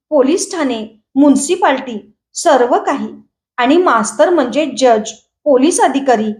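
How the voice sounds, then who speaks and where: A woman reads a novel aloud in a fairly high voice, telling the story at a steady, measured pace. Her voice rings around an echoey room. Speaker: audiobook reader.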